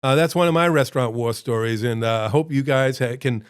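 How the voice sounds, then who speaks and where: A restaurant owner and show host tells a loose, rambling story in an ordinary middle-pitched voice, a little fast and smooth. When he acts out what people said, his voice jumps sharply upward. Then it drops back into casual chatter.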